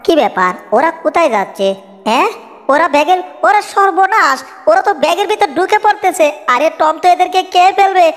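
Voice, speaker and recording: A woman's voice: very high voice, expressive. Jerry, a woman voicing a fussy cartoon mouse. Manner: fussy, scolding, quick to worry. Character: bossy clever male cartoon mouse. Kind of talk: homemade cartoon dub. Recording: long reverb, echoey room.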